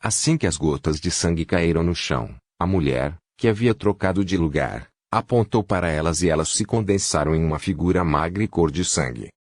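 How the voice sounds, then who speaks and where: Deep-voiced man narrating a fantasy novel. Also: lively intonation, fairly quick, hardly any pauses, a little mellow, no room sound, clean studio sound. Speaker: audiobook narrator.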